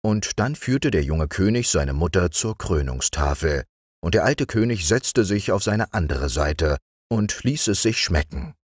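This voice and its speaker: A man narrating a bedtime fairy tale, calm and expressive. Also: deep voice, unhurried, husky, no room sound, studio quality. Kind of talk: bedtime storybook reading.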